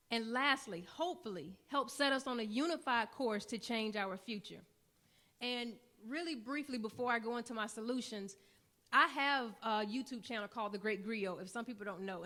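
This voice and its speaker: Speaking to a room full of listeners on a conference panel, a woman with a fairly high, fairly bright voice is earnest and persuasive. She builds her points toward rousing, repeated lines.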